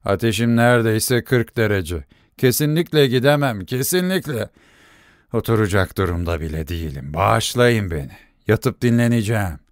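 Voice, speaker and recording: A man's voice: fairly low pitch, very animated, normal speed, no room sound, studio quality. A man playing a tired, feverish country doctor who mumbles and grumbles. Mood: drowsy.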